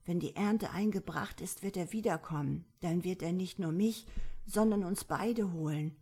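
A fretful old mountain lord complains in a storybook tale, as a woman reader voices him. He whines and laments in a low, slightly husky voice. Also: normal speed, dark tone. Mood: lamenting. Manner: whining, lamenting.

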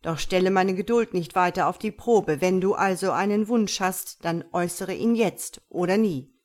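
A woman's voice: fairly low pitch, normal speed, darkish tone, lightly acted. A woman doing a stern, commanding djinn. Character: proud male djinn in tiger form, stern and commanding.

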